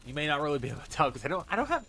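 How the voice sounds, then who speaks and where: Racing along in a slightly high, pushed, bright voice that's very animated, a Massachusetts streamer and vlogger rambles through a casual vlog. His voice is stuffy and congested with a faint Boston accent, and he restarts a lot and uses many fillers. He records in his bedroom on a desk mic on a stand, with a fan running.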